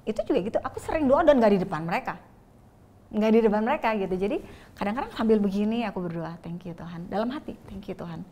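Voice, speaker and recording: Woman, interview guest, casual testimony, candid and chatty, mid pitch. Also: expressive, fast talker, warm tone. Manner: chatty and candid, laughs between phrases.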